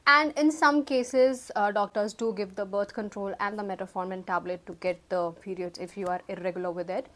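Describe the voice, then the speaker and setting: A woman's voice: mid-range voice, steady tone, extremely slow, a bit bright. A young woman, chatting casually to camera. She fumbles her words and laughs at herself. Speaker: YouTube vlogger. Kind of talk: casual chat to camera, mixing Hindi and English.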